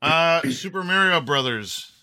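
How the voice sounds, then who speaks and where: Guy hosting a podcast, swears a lot, super bright tense voice, dead dry mic. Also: fairly high pitch, a little slow, clean tone, no echo. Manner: profane, animated storytelling. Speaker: podcast host. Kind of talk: casual chat.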